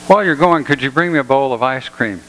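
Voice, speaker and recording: A man's voice: mid-range voice, quick pace, fairly bright tone, big-room sound, a little hiss or hum, natural voice, rough recording. A man voicing an older wife in a told joke, nagging her forgetful husband to write things down.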